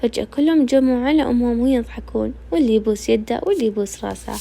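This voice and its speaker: A woman with a Najdi Saudi accent, reading a novel aloud in a quick conversational storytelling way. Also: fairly high pitch, gravelly, dark tone. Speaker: narrator.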